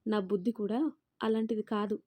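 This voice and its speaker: A woman voicing a bold young daughter-in-law in a spoken family story, firm and confrontational, speaking up loudly. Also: medium pitch, flat delivery, brisk, lightly acted. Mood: defiant.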